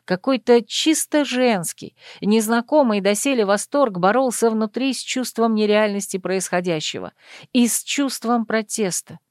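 A woman narrating a first-person romance audiobook in an intimate, measured reading. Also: on the high side, no echo, studio quality.

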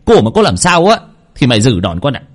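A man's voice: mid-range voice, huge pitch swings, fast, husky. A man voicing an irritable older household master who scolds a servant in a spoken ghost story. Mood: angry scolding. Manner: scolding, barking.

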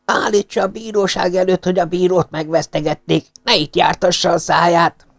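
A man's voice: sits high, little pitch movement, no echo, clean studio sound, pitched above the performer's own voice. A man voicing a wealthy steel magnate who snaps at an old man. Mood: stern. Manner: scolding, gruff. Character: growling rich male steel magnate.

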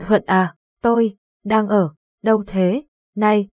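A woman's voice: mid-range voice, fairly even intonation, takes it slowly, dry recording, highs cut off. A woman voicing a weak young sick man. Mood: curious. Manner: faint, blunt with his friend. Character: weak young man just recovering from illness.

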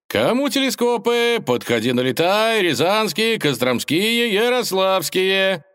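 A man voicing a market peddler loudly hawking his wares in a storybook. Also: sits high, very animated, measured pace, clear, resonant tone, voice pushed up, exaggerated voice. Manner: hawking, shouting. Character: loud street peddler of telescopes.

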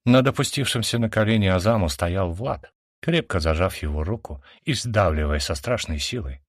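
A man narrates an audiobook in an expressive, emotional way. His low voice is husky, and his reading rises and falls a lot. The sound is close and dry. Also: normal speed, no echo. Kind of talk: dramatic first-person narration.

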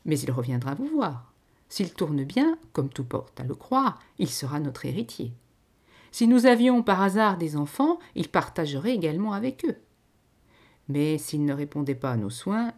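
Calm wealthy husband, read by a woman, measured and businesslike. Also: deep voice.

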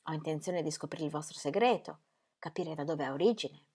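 A woman's voice: sits low, a little fast, warm tone, slightly rough. A woman reading the part of a weary, charming man, a painter, in a languid, playful, theatrical manner. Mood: flirtatious.

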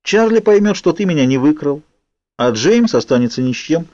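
Stubborn teen girl pleading her case, man doing it, higher voice, dull lo-fi audiobook sound. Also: animated, fast talker, a little mellow, no room sound. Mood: persuasive. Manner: pleading, persuasive. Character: stubborn teenage girl, quick-witted.

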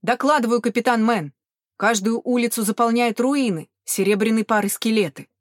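A woman's voice: on the high side, normal speed, dry recording, studio quality, lightly acted. A woman voicing a male sergeant giving a formal report to his captain.

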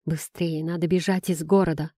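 A brisk, bossy young woman in an audiobook, played by a woman reader snaps out short, commanding lines. The voice has a mellow, dark tone and sits dry and close to the mic. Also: sits low, steady tone, no echo. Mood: urgent. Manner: clipped, commanding delivery. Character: brisk red-haired young woman, bossy and quick-witted.

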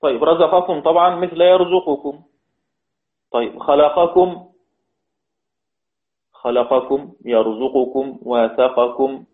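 Man teaching recitation, tinny echoey sound. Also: a little high. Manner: explains step by step, repeats key words, draws out recited examples slowly. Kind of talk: religious lesson.

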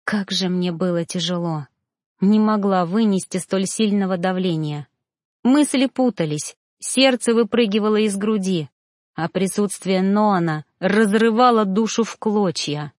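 A woman's voice: medium pitch, unhurried, darkish tone, no echo, studio quality. A woman reading a first-person novel aloud as an audiobook narrator, with an emotional, dramatic delivery.

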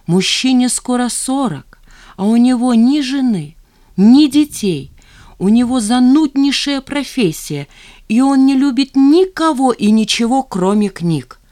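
A fierce, scornful woman in an audiobook scene, her voice raised and biting as she tells an intruder off , as the reader puts her on. Pitched higher and louder than the narration, and cutting. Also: expressive, unhurried, lightly acted. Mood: furious. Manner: angry, raised voice. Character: furious sharp-tongued woman, hostess.

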